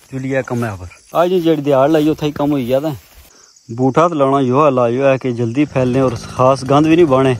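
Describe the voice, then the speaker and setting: A man chats loosely to his viewers, recorded outdoors on farmland. His pitch sits in an ordinary middle range for a man. He wanders from point to point, often circling back through the same filler phrases. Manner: rambling, chatty, leans on filler phrases. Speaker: vlogger. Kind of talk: casual vlog chat while doing garden work.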